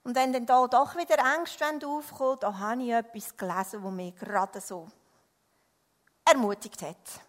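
A woman preaching a sermon earnestly, moving from loud emphasis to hushed words, then praying. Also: a little high, moderate pace. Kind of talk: sermon with story reading and prayer.

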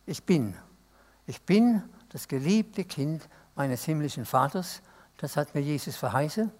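A male pastor preaching an interactive sermon and asking the congregation to answer aloud. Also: on the high side. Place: church service.

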